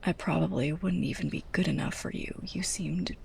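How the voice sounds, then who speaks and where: In an ASMR roleplay, a woman plays a lovestruck young librarian's assistant who is sarcastic, prickly and flustered, delivering an intimate monologue straight to the listener. Her low, steady voice is soft, breathy, creaky and hushed, often close to a whisper. The confession is bitter and vulnerable, halting, awkward and self-conscious.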